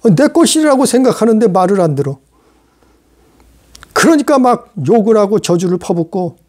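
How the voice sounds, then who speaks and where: A man's voice: high-pitched, darkish tone. A man pastor preaching a sermon, emphatic and repetitive, full of rhetorical questions.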